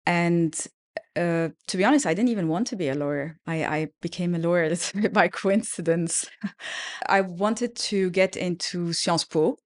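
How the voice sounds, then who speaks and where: A middle-aged woman from Egypt speaks in a low, even voice as an interview guest. She talks thoughtfully, pausing often with fillers as she searches for words. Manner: thoughtful, hesitant with many fillers. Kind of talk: casual interview chat.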